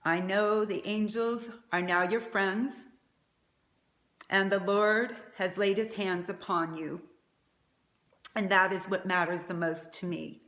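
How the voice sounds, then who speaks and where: A woman's voice: medium pitch, fairly even intonation, takes it slowly, fairly bright tone. Faltering, tender woman in an echoey room. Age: middle-aged. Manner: faltering, tender eulogy delivery. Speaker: mother giving a eulogy. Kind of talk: prepared eulogy speech.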